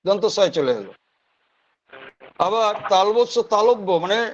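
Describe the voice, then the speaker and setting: A man with a West Bengal accent lectures in a high register, walking his students through each point in order. He sounds out individual syllables again and again to demonstrate pronunciation. The audio is dull and lo-fi, like an online class. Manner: explains step by step, repeating single sounds to demonstrate pronunciation. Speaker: teacher of priestly rites.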